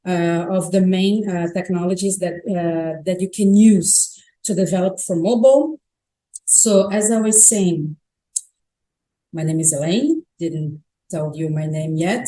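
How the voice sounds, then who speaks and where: A Brazilian woman, a native Portuguese speaker, gives a conference talk on stage in a chatty, self-correcting way, frequently restarting her sentences. Her mid-range voice is mellow. The recording is rough.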